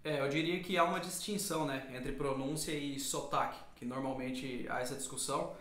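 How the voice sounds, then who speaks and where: A man from Brazil co-hosting a casual language lesson, who speaks in a measured, thoughtful way with frequent fillers. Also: medium pitch, steady tone, a bit bright, reverberant. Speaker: English teacher and co-host.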